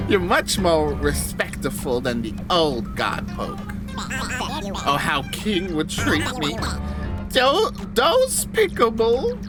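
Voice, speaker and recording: Grandiose male god voiced by a woman, fussy and theatrical, swooping wildly up and down, unhurried, game music behind. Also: on the low side, very animated. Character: pompous, excitable male god of leadership. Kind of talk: reading game dialogue aloud on stream.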